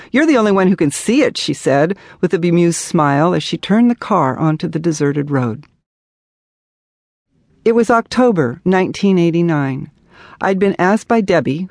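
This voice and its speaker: A woman's voice: low-pitched, darkish tone, dry recording, studio quality. Earnest woman reading her memoir. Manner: measured, earnest storytelling. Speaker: author narrating her memoir. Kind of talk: scripted audiobook narration.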